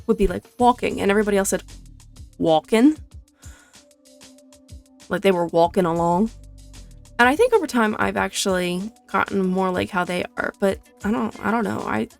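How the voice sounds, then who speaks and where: Chatty young woman with a gravelly edge. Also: medium pitch. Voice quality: clear, careful enunciation. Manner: chatty, tangent-prone, self-deprecating. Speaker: gaming streamer. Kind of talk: casual rambling commentary while playing.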